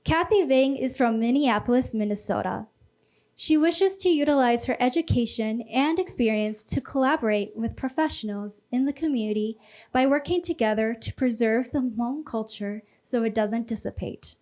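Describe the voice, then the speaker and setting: Female event MC, higher register, scripted announcing. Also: moderate pace, darkish tone. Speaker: pageant MC.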